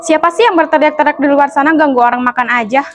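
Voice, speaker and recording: A woman's voice: sits high, fast, close to an everyday voice. A young woman playing a rich, arrogant, stingy lady who speaks in a haughty, scornful and bossy way in a school drama. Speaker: student actor.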